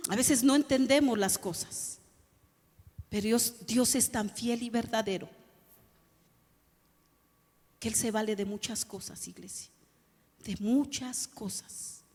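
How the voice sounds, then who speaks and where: A woman's voice: a little high, measured pace, a little mellow, slightly rough, long reverb tail. A woman pastor preaching a sermon, addressing the congregation and asking them rhetorical questions. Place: church hall.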